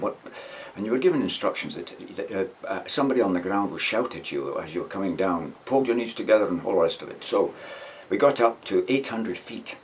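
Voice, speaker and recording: A man's voice: deep voice, a little hiss or hum. A man in his eighties recalling his army days in a casual, wry, rambling way, chuckling now and then. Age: 80s. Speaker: veteran recounting memories. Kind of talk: casual spoken reminiscence.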